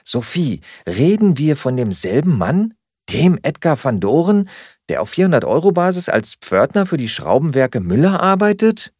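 A man voicing a skeptical, sharp-tongued woman flatmate who questions everything in a dry, doubting manner. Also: lowish voice, moderate pace, dry recording.

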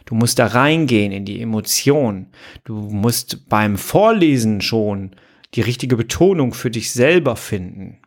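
A man's voice: lowish voice, animated, unhurried. A man hosting a motivational podcast, talking earnestly and coaching the listener directly. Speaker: podcast host.

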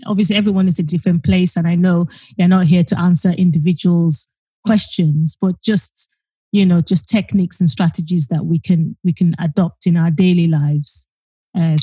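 Woman, podcast host, low voice, hesitant, repeats words, dry sound. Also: mellow, breathy edge, no echo. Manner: hesitant, repeats words while framing questions. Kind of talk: podcast interview.

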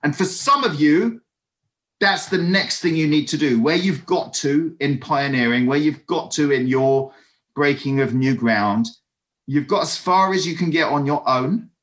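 A man giving a lively, conversational sermon over an online video call, with friendly asides to his listeners. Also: a little high, unhurried. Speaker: preacher.

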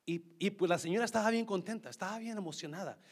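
A man's voice: high-pitched, fast talker. A middle-aged man preaching a sermon, telling a personal story and mixing English words into Spanish. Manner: shifts from loud reading to soft storytelling. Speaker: pastor.

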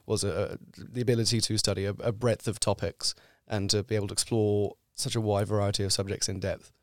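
A young man from France, a guest researcher in a podcast interview, explaining at length in a measured way with small restarts. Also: lowish voice, little pitch movement, no room sound, clean studio sound. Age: young adult.

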